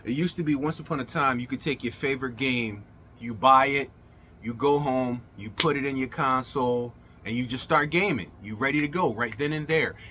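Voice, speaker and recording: Middle-aged man, forceful bright voice, mid pitch, slurred swollen-lip speech, colloquial gaming host, emphatic, background room noise. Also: normal speed. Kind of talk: casual vlog monologue to viewers.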